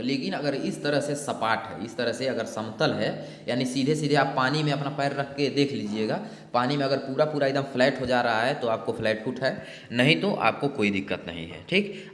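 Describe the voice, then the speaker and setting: A man's voice: mid-range voice, fairly bright tone. A man explaining medical tests to exam aspirants, reassuring them and often checking in as he goes. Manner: reassuring, repeats checks like "ठीक है". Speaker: exam prep instructor. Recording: echoey room with long reverb.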